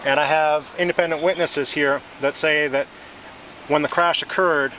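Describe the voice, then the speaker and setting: A police officer questioning a driver at a roadside crash scene, calm and procedural, saying "okay" again and again. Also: male voice, on the high side, normal speed. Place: outdoors by a car at a roadside. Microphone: body-worn camera. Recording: noisy bodycam audio with traffic.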